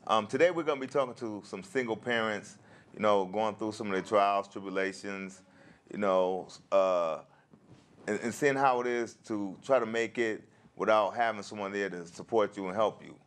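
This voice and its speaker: An American man with a lowish voice hosts a local talk show, interviewing guests at a normal speed. He keeps it relaxed and casual, using lots of fillers and backchannels.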